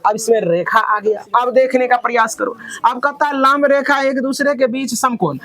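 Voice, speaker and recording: A middle-aged man teaches math to a room full of children. His voice sits high and carries, and he keeps asking questions so the class answers back in chorus. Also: steady tone, normal speed. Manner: loud call-and-response questioning of pupils. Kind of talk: classroom lecture.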